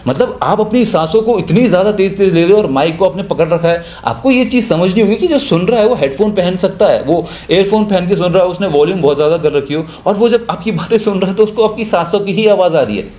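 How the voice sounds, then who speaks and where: A man's voice: high voice, fast, few pauses, darkish tone, roomy sound. A young man with a Hindi accent, teaching voiceover in a casual, chatty spoken tutorial. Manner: chatty, explains with spoken examples.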